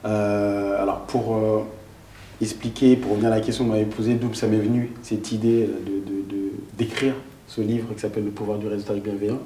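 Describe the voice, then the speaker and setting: A man's voice: fairly low pitch, a little fast, slight background noise. Man in his forties, hesitant storyteller. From Senegal. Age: 40s. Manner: animated storyteller, frequent hesitations and restarts. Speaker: guest author. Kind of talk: interview answers. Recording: echoey room.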